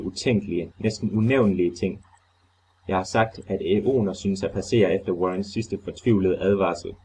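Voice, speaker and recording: A man reading a horror story aloud as an audiobook narrator, telling it in the first person in a grave, measured way. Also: fairly low pitch, darkish tone, slight background noise, rough recording.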